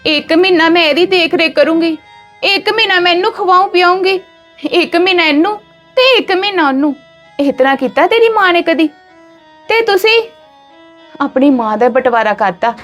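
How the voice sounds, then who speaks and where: A woman's voice: extremely high pitch, expressive, moderate pace, fairly bright tone, soft background music. A woman with a Punjabi accent playing a devoted daughter who angrily scolds her brothers for how they have treated their mother. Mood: scolding. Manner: scolding, emphatic. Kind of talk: Punjabi family drama acting.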